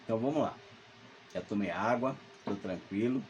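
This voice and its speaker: At home alone, a man in his fifties from Salvador, Brazil, tells a spooky story from his childhood, rambling and hesitating with lots of fillers and restarts. His voice is lowish and at normal speed, and the recording is muffled with slight background noise.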